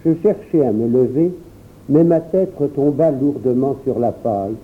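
A man giving an expressive first-person storybook narration as an audiobook reader. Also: medium pitch, moderate pace. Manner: expressive, lively reading. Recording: tinny phone-like sound.

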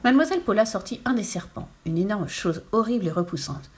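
A woman reads a children's story aloud at a medium pitch, keeping her narration steady and clear. She moves the tale along at an even pace. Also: fast talker. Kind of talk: storybook reading.

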